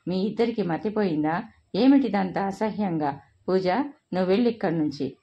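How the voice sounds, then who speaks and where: A woman voicing a calm but firm adult stepfather in a read-aloud Telugu family story. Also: mid-range voice, normal speed, muffled recording, close to an everyday voice. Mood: stern.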